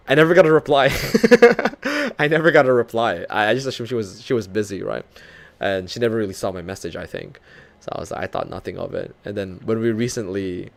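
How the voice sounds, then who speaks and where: This lowish male voice has vocal fry and moves a little fast. It's a young VTuber from the Philippines in a relaxed live-stream chat, joking at his own expense, laughing a lot, and livening up as he recounts things, his English tilting slightly North American.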